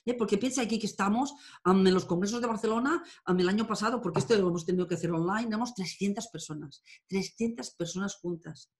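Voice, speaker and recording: Woman, animated pitch, chatty storyteller, frequent fillers. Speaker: tarot school founder and congress organizer. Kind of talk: casual interview storytelling.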